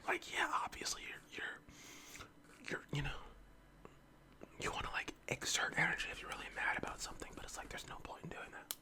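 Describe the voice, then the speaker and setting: An ASMR eating-video host of unclear sex whispers close to the mic as if leaning in, chatting casually and meandering. The pace is a little fast, with frequent pauses.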